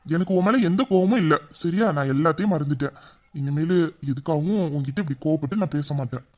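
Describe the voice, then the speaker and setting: A man's voice: fairly high pitch, fast, a little mellow, close to an everyday voice. A man voicing a young man in an audio drama who patiently comforts and reassures his tearful best friend. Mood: soothing. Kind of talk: emotional audio drama acting.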